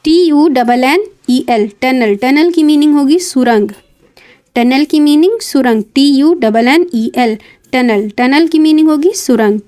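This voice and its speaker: Speaking a little slowly, a woman with a high-pitched, dark-toned voice teaches English words, spelling each one letter by letter and repeating the meaning. Quick fillers and checks come between words.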